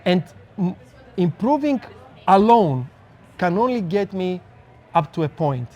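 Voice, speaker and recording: A man's voice: high-pitched, big pitch swings, unhurried, warm tone. A man with a Greek accent, a neuroscientist guest speaking in an earnest, reflective way in a casual podcast conversation. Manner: earnest, reflective, explains with examples.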